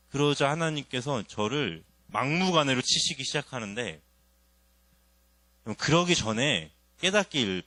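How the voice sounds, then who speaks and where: Lively young male preacher, dry sound. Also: medium pitch, no room sound. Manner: storytelling testimony, asks the congregation questions. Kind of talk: sermon.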